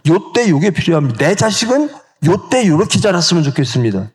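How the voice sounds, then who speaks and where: Preaching to his congregation in the church sanctuary, a middle-aged male pastor quizzes them and performs the voices of those he quotes. He sounds high, a little mellow, very animated and brisk.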